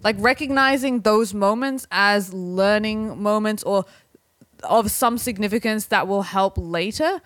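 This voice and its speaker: A woman's voice: mid-range voice, a little slow, fairly bright tone, dry recording. A woman in a casual conversation, talking earnestly and hesitantly with many restarts. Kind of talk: casual conversation about philosophy.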